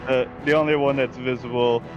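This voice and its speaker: A man's voice: mid-range voice, fairly even intonation, a little fast, lo-fi sound, music in the background. A man chatting casually as a player in a tabletop role-playing game, grumbling and swearing mildly. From California.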